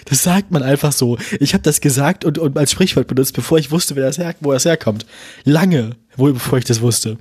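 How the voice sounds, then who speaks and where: A man's voice: mid-range voice, fairly quick, a little mellow, husky, no echo, studio quality. A man co-hosting a casual podcast chat, chatty and laughing often. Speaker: podcast co-host.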